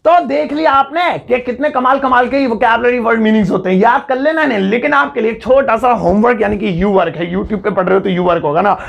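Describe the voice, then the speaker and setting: High, gravelly-voiced playful male teacher. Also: a bit bright, dull audio. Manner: playful, joking asides, repeats key words slowly. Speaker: English teacher. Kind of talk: casual Hindi vocabulary lesson.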